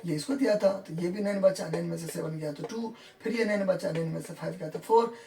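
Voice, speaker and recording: A teacher working through a maths lesson, repeating every step and pausing to ask whether the class has understood. The voice sits at a middle pitch and comes from some distance from the mic in an echoey room. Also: creaky, warm tone. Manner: repeats each step and checks in with students; counts numbers out in English within Hindi talk.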